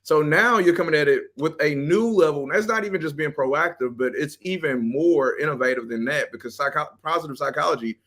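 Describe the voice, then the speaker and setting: A man's voice: a little high, fairly quick, few pauses, a bit bright. A man hosting a podcast, upbeat and casual, with many fillers and restarts. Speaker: podcast host, assistant principal.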